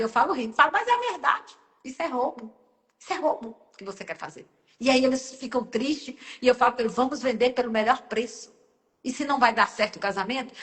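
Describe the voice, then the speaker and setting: A woman's voice: fairly high pitch, pushed and bright, in a large hall. A woman minister preaching earnestly in short emphatic phrases during a live sermon.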